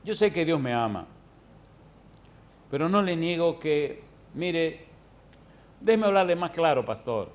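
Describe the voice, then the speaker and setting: A tearful middle-aged churchwoman, as a pastor quotes her in a sermon story, confessing her past in halting, hesitant words. The voice stays low, close to the preacher's own. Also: sing-song.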